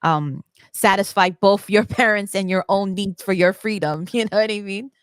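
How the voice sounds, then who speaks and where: A woman's voice: mid-range voice, normal speed, clear, resonant tone, no room sound. A woman hosting a conversational interview podcast, enthusiastic and affirming, often laughing as she talks. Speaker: podcast host.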